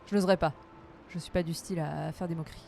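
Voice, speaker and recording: A woman chatting casually with her live-stream audience while gaming, playful and quick to laugh, her voice a little tired. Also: low-pitched, steady tone, creaky, mellow, a little hiss or hum.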